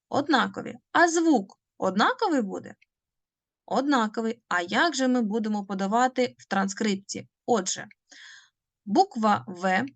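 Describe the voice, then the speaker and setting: A woman teacher giving a language lesson, patiently explaining phonetics, asking questions and answering them herself and drawing out example words slowly. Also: mid-range voice, no room sound.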